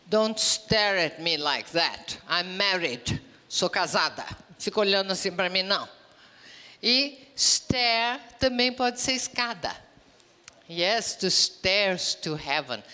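A woman from Brazil co-hosting a bilingual English pronunciation lesson, modeling words slowly and clearly for students to repeat. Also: on the low side, sharp tone, big-room sound. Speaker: English teacher co-host.

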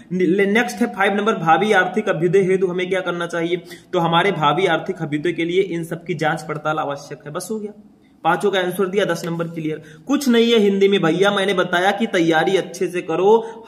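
A young man teaching students through an exam paper, brisk and encouraging, checking in often with short "okay" prompts. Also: sits high. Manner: brisk, addresses students as brother, frequent "theek" check-ins. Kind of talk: exam paper walkthrough lesson.

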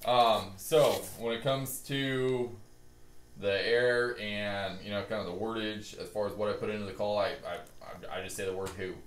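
A young man with a slightly low voice explains things in an easygoing instructional style. He sounds reassuring and informal. The room echoes like a garage, with clear noise behind him. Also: steady tone, moderate pace. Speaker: hunting-call instructor. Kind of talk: casual instructional talk. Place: garage with boat and hunting gear. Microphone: camera a few meters away.

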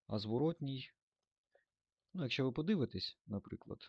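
A man's voice: mid-range voice, expressive, moderate pace, creaky, husky, no room sound, dull audio. A man teaching German grammar in a lesson, thinking aloud with fillers and self-corrections.

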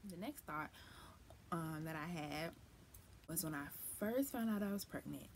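A woman's voice: low-pitched, animated, measured pace, slight background noise. A woman and new mother vlogging about motherhood in a candid, chatty way, with folksy phrases and emphatic lifts. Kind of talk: personal casual vlog talk.

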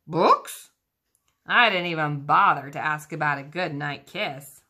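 A woman's voice: deep voice, moderate pace, pushed and bright. A woman teacher reading a children's book aloud, engaging her young listeners with questions about the pictures.

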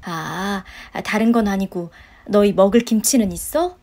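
A woman's voice: mid-range voice, moderate pace, darkish tone, pitched below the performer's own voice, close to an everyday voice. A woman voicing a pushy, guilt-tripping older mother-in-law in a story-radio drama, scolding and sighing. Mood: nagging. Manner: scolding, wheedling, sighs of complaint.

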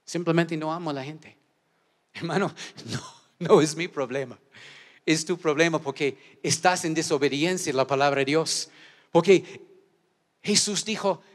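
A male pastor preaches to a church auditorium, moving from shouts to low asides as he leads call-and-response.

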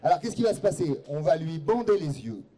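A man hosting a live chess event, presenting a guest with lively, teasing introductions over a microphone. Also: a little high, a little fast. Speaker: event host.

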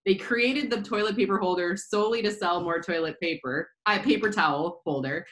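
A woman's voice: medium pitch, brisk, a bit bright, low-quality recording. A woman hosting a casual staff quiz, reading questions and often breaking into laughter. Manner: giggly, keeps breaking into laughter. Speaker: quiz host on a staff podcast.

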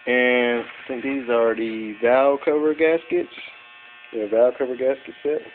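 A car mechanic vlogger, an amateur, talks plainly about engine parts in a cluttered garage, filming with a handheld phone. His mid-range voice has fairly even intonation and a measured pace. Expect tinny, phone-like audio with a buzz of electrical hum.

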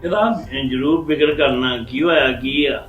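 A man playing a father-in-law in a family drama, persistent and steady as he talks. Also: a little high, moderate pace, highs cut off, faint music behind, close to an everyday voice. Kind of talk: Punjabi family web drama acting. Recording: roomy and distant from the mic.

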